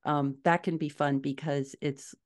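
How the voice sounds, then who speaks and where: Speaking over a video call from a small, furnished room at home, a middle-aged woman appears as a guest author in a conversational interview. Her answers are measured and explanatory, delivered in a low voice with a steady tone.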